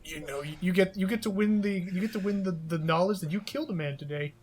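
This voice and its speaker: A man's voice: high voice, fast, slight background noise. A man giving casual, wordy commentary on a co-op game, explaining as he goes. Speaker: gaming video commentator.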